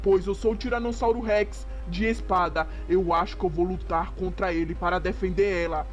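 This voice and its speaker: A man's voice: high voice, steady tone, normal speed, muffled recording, faint music behind, lightly acted. A man doing an earnest young hero T. rex. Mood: earnest heroic. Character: young grown male sword Tyrannosaurus, earnest hero.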